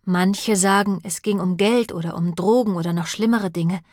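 A woman's voice: mid-range voice, fairly even intonation, moderate pace, darkish tone, no room sound, studio quality, close to an everyday voice. A woman reading an audiobook and voicing an earnest, pious village woman who talks in an urgent, brooding and preachy way.

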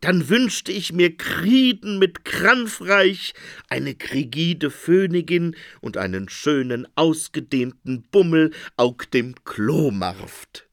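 A man's voice: on the high side, expressive, slow pace, dry recording, clean studio sound. A man voicing a henpecked, whiny king in a comic story, sighing and flustered, with a lisping swap of sounds. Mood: wistful.

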